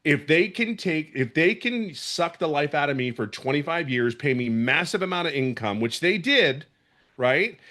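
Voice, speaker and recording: A middle-aged program member from Philadelphia, USA, gives an emotional testimonial on a video call in his Philadelphia accent. His voice is on the high side, bright and forceful, with lively intonation at a normal pace. He speaks passionately and emphatically, often repeating himself.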